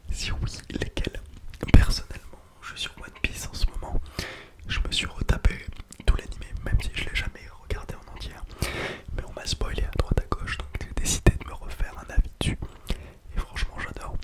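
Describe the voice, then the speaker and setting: Male, soft breathy whisper, quiet night-time hush, casual ASMR chat, close mic with nose breaths, lingering repetitions. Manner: hushed, quiet-at-night bedtime murmur, lingering repetition of words. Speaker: ASMR content creator. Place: small home toilet room, indoors. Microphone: close sensitive microphone without windscreen.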